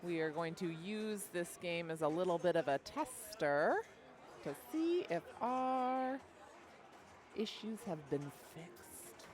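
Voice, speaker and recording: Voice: medium pitch, lively intonation, slow pace. A commentator giving upbeat, playful live play-by-play at a pinball tournament. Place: pinball arcade bar. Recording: noisy arcade background.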